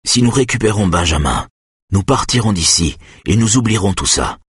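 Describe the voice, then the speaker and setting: A man's voice: fairly low pitch, lively intonation, normal speed, breathy edge, no echo, studio quality. A man voicing a desperate man who pleads with a quavering voice in an audiobook thriller. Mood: pleading.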